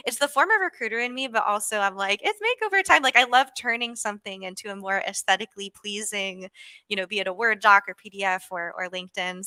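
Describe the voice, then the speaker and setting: Bright, bubbly woman livestream host. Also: medium pitch, no room sound. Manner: bubbly and exclamatory, frequent "ooh" and laughs. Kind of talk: casual livestream chat.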